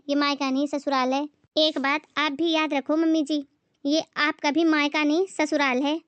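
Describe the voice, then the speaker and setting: A patient young daughter-in-law who speaks with polite firmness, voiced by a woman. Her voice is high and bright, and it is recorded close and dry. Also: dry recording, lightly acted. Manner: polite, firm.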